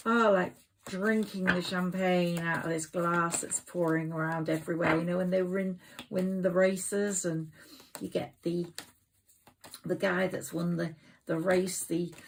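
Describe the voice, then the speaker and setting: Female tarot reader, slow even delivery, gushing and sentimental. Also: on the low side, creaky, low-quality recording. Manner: effusive, rambling, sentimental. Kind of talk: tarot card reading to camera.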